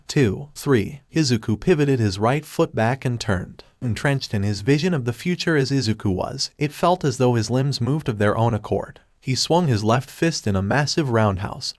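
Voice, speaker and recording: A man reads a fan fiction story aloud in steady, even scripted narration. His voice sits at a middle pitch and the recording is dry and close, with no room around it. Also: no room sound.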